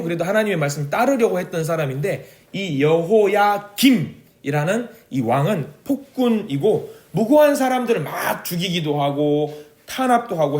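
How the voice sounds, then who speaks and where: A man preaching as a pastor at a weekly prayer meeting, explaining scripture, quizzing the congregation and acting out heartfelt pleas to God. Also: fairly high pitch. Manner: animated teaching, acts out pleading dialogue with God; asks the congregation questions, gives note-taking instructions. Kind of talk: Bible study sermon at a prayer meeting.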